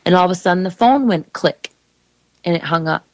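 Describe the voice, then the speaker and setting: A woman's voice: on the low side, lively intonation, fairly quick, no room sound, poor audio. A woman telling her own story in an urgent, emphatic monologue, speaking straight to her listeners. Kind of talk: personal testimony monologue.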